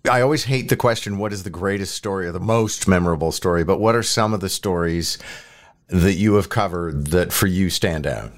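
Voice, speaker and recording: Deep-voiced male radio host asking questions. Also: a little fast. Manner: conversational, asks questions. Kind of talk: radio interview.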